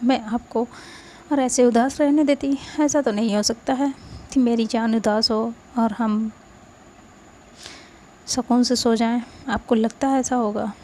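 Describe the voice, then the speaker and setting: A woman's voice: on the high side, steady tone, unhurried, pauses often, warm tone, slight background noise, close to an everyday voice. A woman storyteller voicing a playful, doting young woman in love who teases her sweetheart with affection. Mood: tender. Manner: teasing, affectionate.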